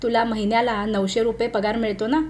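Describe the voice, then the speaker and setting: A woman reading the lines of a bold young woman who speaks calmly and with easy command. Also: on the high side, a little fast, slight background noise, natural voice. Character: bold, self-assured young city woman.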